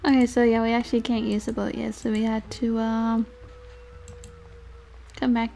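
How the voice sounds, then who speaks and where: Mellow-voiced woman streaming a game. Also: a little high, flat delivery, normal speed, gravelly, a little hiss or hum. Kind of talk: casual walkthrough commentary.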